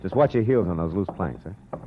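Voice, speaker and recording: Playing a hardboiled, wisecracking detective who narrates a 1940s radio play, a man speaks in a deep, expressive voice at a brisk clip. Background noise and music come through on the dull, aged radio recording.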